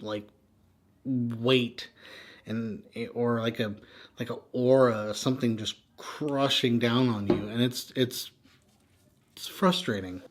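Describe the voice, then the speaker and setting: A man's voice: medium pitch, fairly even intonation, takes it slowly, slight background noise. An American man in a candid, unscripted rant, sounding worn out and weary, speaking frankly and trailing off. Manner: exhausted, weary, sighing and trailing off; frank, swearing. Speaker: vlogger venting personal frustrations.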